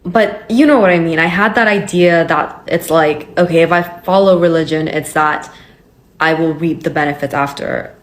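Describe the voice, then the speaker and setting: A young woman from Hong Kong, with a low voice and moderate pace, vlogs about her personal story. She's candid and chatty, using lots of fillers.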